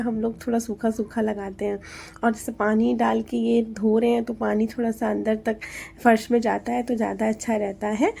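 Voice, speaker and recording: A woman's voice: on the high side, vocal fry, mellow, husky. A woman in her thirties with a Hindi accent, narrating her daily home routine in a chatty voice-over, explaining each step with lots of fillers. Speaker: homemaker vlogger.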